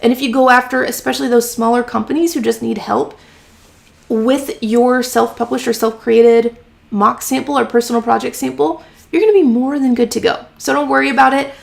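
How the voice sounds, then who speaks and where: Hosting a freelance writing live stream from her home office, a woman answers viewer questions in a chatty, encouraging way, packed with "um" and "like." Her slightly high voice has lots of vocal fry and a little hoarseness from long talking. She speaks fairly quickly with fairly even intonation.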